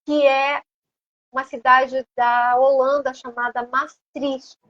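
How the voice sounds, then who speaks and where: High-voiced Brazilian woman, rambling guest. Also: slow, no room sound, lo-fi sound. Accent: Brazilian Portuguese. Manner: rambling and animated, many hesitant fillers. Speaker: interview guest. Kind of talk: casual conversation.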